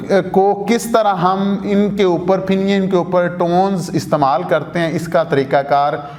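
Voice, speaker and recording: A man with a Pakistani Urdu accent teaching a language lesson in a studio, slowly repeating points and answering his own questions. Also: high-pitched, a little mellow, long reverb tail. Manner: slow, repetitive, asks and answers own questions. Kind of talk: video lesson explaining rules.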